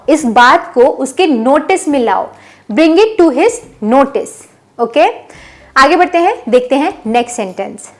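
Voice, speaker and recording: A woman teaching spoken English in Hindi, explaining each sentence slowly and repeating it several times. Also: sits high.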